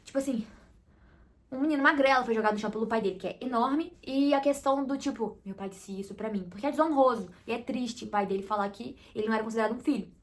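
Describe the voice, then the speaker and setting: A woman's voice: fairly high pitch, quick pace. A woman with a Brazilian Portuguese accent chatting casually and expressively as she reviews a film for her viewers.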